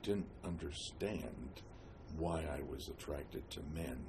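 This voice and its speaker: Elderly man, American accent, halting reminiscing, slow delivery, oral history interview, noticeable background noise. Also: rumbling low. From New Jersey, United States. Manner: halting, with long pauses and frequent hesitations. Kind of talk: reminiscing, telling life story.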